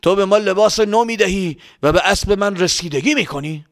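A man's voice: high-pitched, fairly bright tone, no room sound, studio quality, voice pushed up. A man voicing a rude, hot-tempered grown man traveler in a children's story, scolding and grumbling to himself. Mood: astonished. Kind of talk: storybook character voice.

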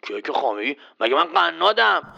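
A performer voicing a gruff, boastful man in a children's quiz skit, bossy and quick to threaten the host. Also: medium pitch, very animated, sharp tone, highs cut off, full character voice. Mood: cocky. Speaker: quiz contestant.

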